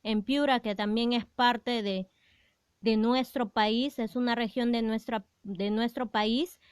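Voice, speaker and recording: A woman from Peru, teaching a school lesson in a slow, explanatory way that stresses key words. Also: on the high side, steady tone, clear, resonant tone, dry recording, studio quality. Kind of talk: classroom lesson.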